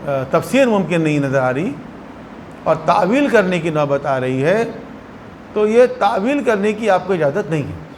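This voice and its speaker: A man with a high voice and a Pakistani Urdu accent teaches as a religious scholar. He explains verses and acts out short anecdotes to make his point. A faint hum of noise sits under the recording. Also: sing-song. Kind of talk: religious lecture.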